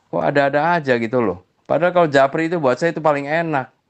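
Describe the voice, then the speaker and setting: A man's voice: a little high, fast talker, muffled recording. Chiding man explaining his faith. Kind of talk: religious debate voice notes.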